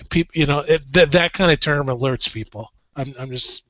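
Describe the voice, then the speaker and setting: A fairly high-pitched man makes his point in casual debate. He is earnest and halting, circling back over his words. The audio is dry and dull, like a lo-fi voice call. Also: sharp tone, no room sound. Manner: halting, earnest, repeats himself.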